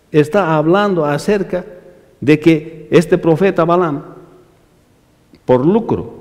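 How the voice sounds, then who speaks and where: Speaking directly to the brothers in his congregation, a male pastor delivers a forceful sermon, his voice climbing on repeated phrases and sinking low as each line ends. His tone is a little mellow, trailed by long reverb.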